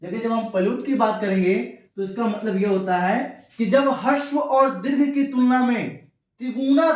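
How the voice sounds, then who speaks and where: A male teacher giving an exam-prep grammar lesson, repeating each key term and calling his students children. His voice carries heavy echo, as if from across a bare classroom. He sounds set back from the microphone. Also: high-pitched. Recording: very echoey room, distant from mic.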